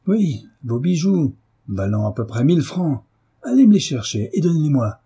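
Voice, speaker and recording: A man's voice: on the high side, very animated, normal speed, warm tone, slightly rough, voice pushed up, full character voice. A man reading a novel aloud and voicing a drunken, hulking husband who bullies and threatens his wife. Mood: bullying. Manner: bullying, blustering threats. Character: brutish drunken giant of a husband, furious.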